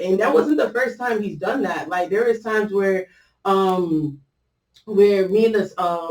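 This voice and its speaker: A woman's voice: medium pitch, a little mellow, recorded from a distance. A woman casually telling a personal faith story, chatty and loose, with lots of fillers and easy laughter. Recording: echoey room, voice set back from the mic.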